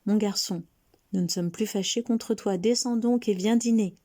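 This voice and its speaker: A woman's voice: mid-range voice, normal speed, mellow, lightly acted. Woman doing a coaxing father.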